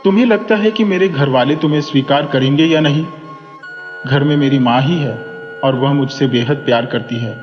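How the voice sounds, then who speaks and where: A man's voice: on the high side, normal speed, close to an everyday voice. A man voicing an affectionate, playful young male professor in a storybook reading, coaxing and teasing. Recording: dull reverberant recording, soft music.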